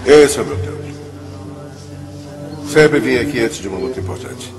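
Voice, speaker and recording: An actor playing a weary, regretful middle-aged ex-convict boxing trainer in a Brazilian dubbed film drama. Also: male voice, medium pitch, moderate pace, lightly acted. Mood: somber. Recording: film soundtrack with music behind.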